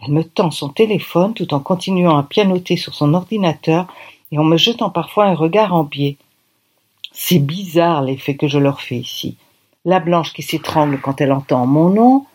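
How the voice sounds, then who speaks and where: Brief: lively conversational audiobook reader, woman. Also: lowish voice, slightly rough. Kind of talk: first-person novel narration.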